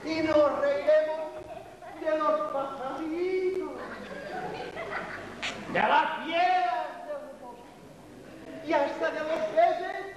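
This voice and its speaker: A man playing an excitable, secretive slave creature in a theatrical comic dialogue, with drawn-out, exclamatory delivery. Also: very high-pitched, exaggerated voice. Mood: hopeful. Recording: very echoey hall, background noise.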